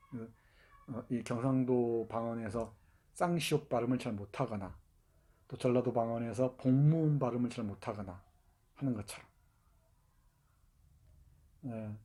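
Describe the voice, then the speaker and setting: A man's voice: medium pitch, dark tone, breathy edge. A man giving a university literature lecture, explaining and demonstrating dialect pronunciations, with frequent fillers and restarts.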